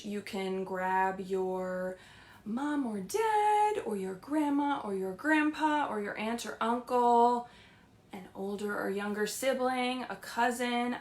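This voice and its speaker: A female children's librarian hosts a read-aloud story time, speaking gently and reassuringly in simple words for small children. Her voice is a little high, and the livestream sound is roomy and echoey.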